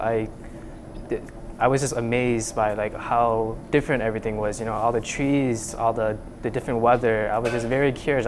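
In an indoor university lab, a young Vietnamese man who does undergraduate research talks through his work in a relaxed interview. His voice is medium in pitch and hesitant, with frequent fillers and restarts, and the lapel mic catches background noise.

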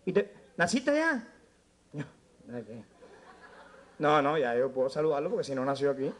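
This male comedian's voice is fairly high with big pitch swings, delivered at normal speed. He has a Cuban accent and does live stand-up in a nightclub, working the crowd with brash teasing and dropping into broken English.

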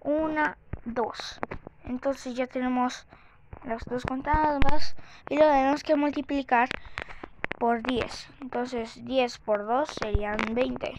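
A youthful-sounding woman giving a casual step-by-step game tutorial, halting as she thinks aloud. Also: sits high, steady tone. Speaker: tutorial host. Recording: muffled lo-fi mic with clicks and noise.

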